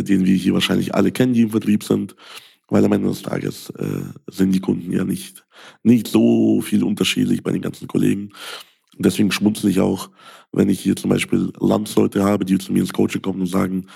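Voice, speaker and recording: A Ukrainian sales coach with a low, gravelly, mellow voice and a breathy edge delivers a podcast monologue. He uses frequent fillers and rhetorical "ja?" tags.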